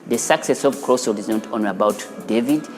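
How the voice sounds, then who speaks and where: A medium-pitched male voice with a Ugandan accent moves at a fairly quick clip, trailed by long reverb. The speaker founded an animation studio and is being interviewed and showing viewers around it for a news feature. There is music in the background.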